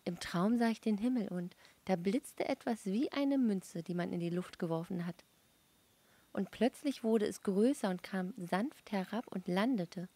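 A woman's voice: mid-range voice, unhurried, dark tone, breathy edge. A woman voicing a dreamy young Martian wife who eagerly describes a strange dream.

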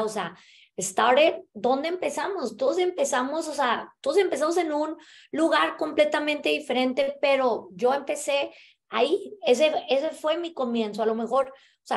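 A young woman from the US-Mexico border with a Mexican Spanish accent, telling her life story to the camera in an animated way, tagging her sentences with questions to the listener. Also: fairly high pitch. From US-Mexico border (El Paso, Texas). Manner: animated, gesturing with both hands, many filler tags like "¿verdad?". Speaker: motivational speaker. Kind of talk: personal story talk to camera. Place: small indoor room.

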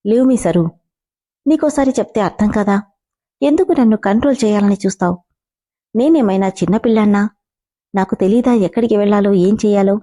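A woman's voice: mid-range voice, fairly quick, mellow, close to an everyday voice. A woman voicing a heartbroken, stubborn young man who insists he is right, in a spoken storybook. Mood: angry. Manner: pained, insistent.

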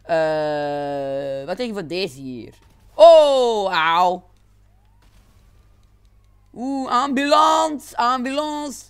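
A man giving excitable let's-play commentary, exclaiming and laughing often. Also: high voice, drawn-out words, long pauses, clean tone. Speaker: gaming channel host.

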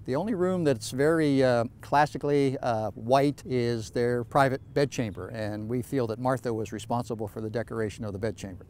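An older man speaking outdoors in a measured, storytelling way as a historical site guide. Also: medium pitch, a little mellow. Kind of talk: explanatory interview. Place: outdoors on a lawn.

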